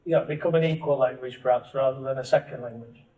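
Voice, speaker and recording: On a casual family podcast, a father serving as co-host asks long questions that keep restarting midway. His medium-pitched voice is warm and steady, moving at a quick pace. The mic sounds dull, echoey and distant.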